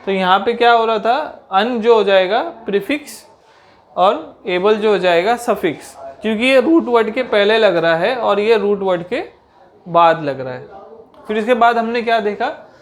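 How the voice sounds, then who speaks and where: A woman teaches a grammar lesson in a mid-pitched voice. She keeps asking her own questions and answering them right away. She slows down carefully whenever she gives a definition. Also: expressive.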